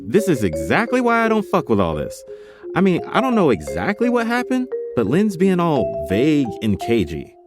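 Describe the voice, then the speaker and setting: A man from North Carolina hosting a narrated documentary podcast, telling it with wry, self-deprecating humor. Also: mid-range voice. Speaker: podcast host.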